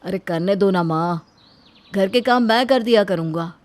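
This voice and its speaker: A devoted young husband speaks gently and earnestly, voiced by a woman telling a moral story. He sounds humble and kind, with a mid-range voice that stays level. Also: mid-range voice, measured pace, natural voice. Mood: encouraging. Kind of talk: Hindi storybook voice acting.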